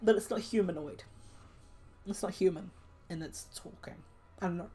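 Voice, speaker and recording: A woman's voice: fairly low pitch, normal speed, mellow, faint music behind. A young woman streaming a solo tabletop game, reading prompt lists aloud and musing at length with many fillers.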